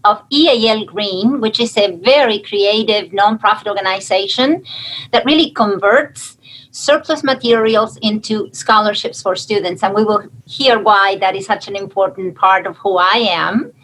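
A woman's voice: medium pitch, normal speed, low-quality recording. A woman from Argentina, an outgoing nonprofit CEO speaking as a panel guest. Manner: outgoing, warm and direct. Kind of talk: casual panel chat.

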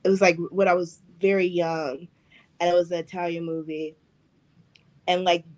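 A woman's voice: on the low side, flat delivery, normal speed. A woman hosting a podcast, telling stories in casual chat, leaning heavily on "like" and "I was like". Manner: chatty storyteller, heavy use of "like" and "I was like". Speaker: podcast host.

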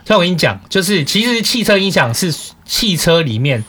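Animated man telling a story. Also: high-pitched, fairly quick, husky. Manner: animated, quoting people in dialogue. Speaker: podcast host. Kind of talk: casual chat, storytelling.

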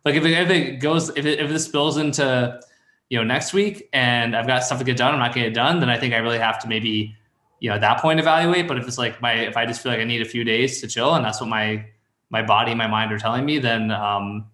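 Speaking quickly in a sharp, medium-pitched voice, a man in his thirties who hosts a call-in show and mentors copywriters chats casually while giving advice. He rambles and thinks aloud, and his voice reverberates around the space.

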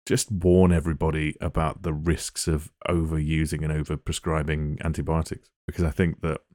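A man's voice: rumbling low, level tone, fairly quick, a little mellow, no room sound, studio quality. A man in his thirties with an Essex accent, chatting casually and jokily as a podcast co-host. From Essex, England. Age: 30s. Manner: jokey, chatty. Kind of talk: casual chat.

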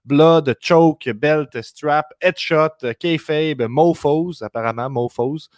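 A man's voice: fairly high pitch, no echo, clean studio sound. A man with a Québécois French accent hosting a podcast, reeling off news items in casual chat. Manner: quick news rundown, lists words rapidly. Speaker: podcast host.

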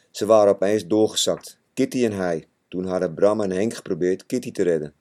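A man narrating a children's storybook in a measured, expressive way. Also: deep voice. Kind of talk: storybook reading.

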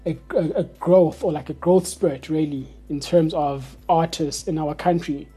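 South African podcast host, husky low-key man. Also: warm tone. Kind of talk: casual podcast talk.

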